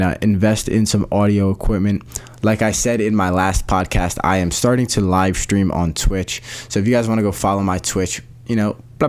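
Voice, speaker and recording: A young man with a fairly low voice talks through his podcast plans in a loose, rambling way. His speech is full of fillers, restarts and casual slang. He is recorded at home on a USB microphone. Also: a little mellow. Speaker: podcast host. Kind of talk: casual solo podcast talk.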